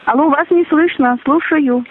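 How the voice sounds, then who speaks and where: A woman's voice: sits high, moderate pace. A woman's voice sounding like a glitchy robotic call, repeating the same canned phrases over and over whatever the reply. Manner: repeats the same stock lines regardless of replies. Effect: canned looping phrases played over a call, glitchy and robotic. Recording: tinny phone line.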